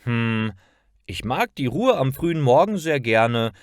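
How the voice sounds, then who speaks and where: A man's voice: medium pitch, sing-song, measured pace, no room sound, studio quality, voice pushed up. A man doing a cheerful early-rising young man. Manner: upbeat, easygoing.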